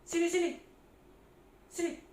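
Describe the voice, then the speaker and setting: Woman doing a pushy greedy tax collector man, slow and demanding, echoey room. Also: extremely high pitch, steady tone, darkish tone, slight background noise, voice pushed up. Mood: bossy demanding. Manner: demanding, scolding.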